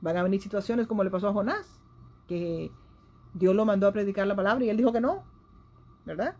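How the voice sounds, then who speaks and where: A woman delivers a sermon with earnest conviction, her voice swelling in places and dropping low in others. Her tone is mellow and warm, sitting at an ordinary middle pitch. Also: brisk. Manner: earnest preaching, with rising and falling intensity. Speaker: lay preacher. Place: home.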